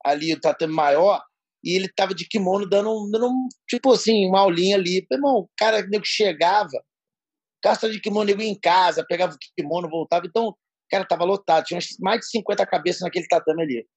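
Husky, high-voiced storyteller man. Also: fast talker, dry recording. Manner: slangy, profane, animated storyteller. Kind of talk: casual storytelling.

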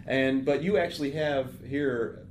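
A man's voice: medium pitch, a little slow, a little hiss or hum. A man in his thirties from the American Midwest hosting a golf podcast, chatting casually with many fillers in an office huddle room. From Midwest of the United States. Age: 30s. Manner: chatty, frequent fillers and restarts. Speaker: podcast host. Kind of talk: casual interview and sponsor reads.

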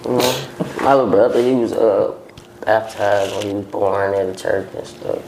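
A man's voice: fairly low pitch, fairly even intonation, normal speed. A man in casual group banter, talking in loose, slangy, conversational phrases. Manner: slangy, conversational, repeats "you know what I'm saying". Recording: echoey room with clear background noise.

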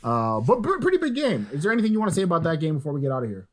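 A man co-hosting a casual sports podcast, animated and laughing often, with frequent "um"s. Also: a little high, racing. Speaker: podcast co-host.

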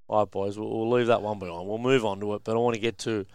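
Australian man, matey and blokey, sports radio host, clean smooth voice, close dry sound. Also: on the low side, fairly even intonation, fast talker, darkish tone, no room sound. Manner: matey, plain-spoken blokey delivery. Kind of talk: casual sports chat and interview.

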